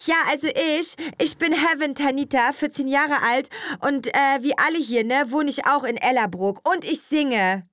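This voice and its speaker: A woman's voice: sits high, normal speed, hardly any pauses, fairly bright tone, no room sound, clean studio sound, voice pushed up. Woman playing a rambling teen schoolgirl singer. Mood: eager. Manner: rambling with fillers like "ne" and "äh". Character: chatty fourteen-year-old schoolgirl singer, self-important.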